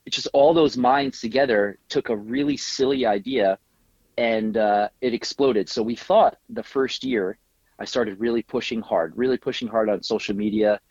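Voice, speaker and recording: A middle-aged man, a tattoo artist guest, telling an animated story in a casual interview, laughing often and acting out what people said. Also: medium pitch, moderate pace, no room sound, dull audio.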